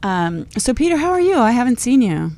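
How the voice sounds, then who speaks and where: A woman's voice: on the high side, sing-song, fairly quick, darkish tone, no room sound. A woman hosting a radio talk show in a studio, chatting casually and rambling with light jokes. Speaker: show host. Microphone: studio mic with headphones.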